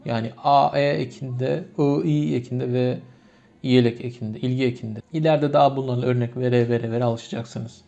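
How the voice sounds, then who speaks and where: Faint music sits behind a man teaching a grammar lesson, where he patiently offers many repeated examples. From Turkmenistan, he speaks Turkmen natively and has a Turkmen accent. His mid-range voice holds a steady, dark tone with some vocal fry at a moderate pace, captured on a muffled lo-fi recording.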